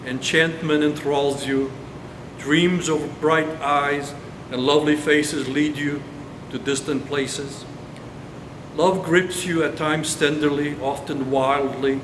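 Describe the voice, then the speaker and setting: A man with a fairly high voice reads his poetry in an unhurried, measured way. The recording is roomy and reverberant, with a steady air-conditioning hum behind him. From Brazil. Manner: slow, measured recital. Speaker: poet. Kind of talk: poetry reading.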